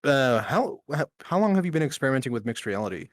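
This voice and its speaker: A man co-hosting a podcast interview, easygoing and halting, often repeating words. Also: medium pitch, sing-song. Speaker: podcast co-host. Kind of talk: casual interview chat.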